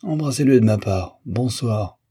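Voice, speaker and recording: A man's voice: mid-range voice, expressive, a little slow, dark tone, breathy edge, voice pushed up. A man voicing an angry, bitter adult male painter who hurls contemptuous outbursts. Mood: scornful.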